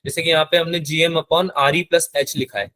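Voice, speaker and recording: A man's voice: on the high side, steady tone, normal speed, sharp tone. A male physics teacher giving a live lecture in Hindi mixed with terms, often asking the class check questions. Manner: mixes English terms into Hindi.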